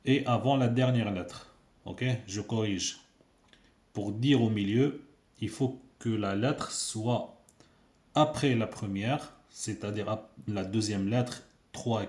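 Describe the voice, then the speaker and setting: Slow, low-voiced man teaching in an echoey room. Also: darkish tone. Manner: patient, repeats sounds slowly for learners. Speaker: Arabic teacher. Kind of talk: casual video lesson.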